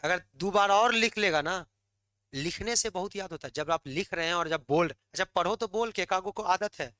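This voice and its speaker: A male teacher lecturing students in a lively way, coaxing and scolding them with loud bursts. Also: high-pitched, moderate pace, clear, resonant tone, no room sound. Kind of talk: classroom lecture.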